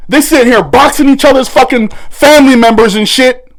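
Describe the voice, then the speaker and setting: A man hosting a commentary channel, ranting angrily with heavy swearing and bursts of shouting. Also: extremely high pitch, a little fast. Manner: furious, swearing, voice breaking into shouts. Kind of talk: angry commentary rant. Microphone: no usual setup.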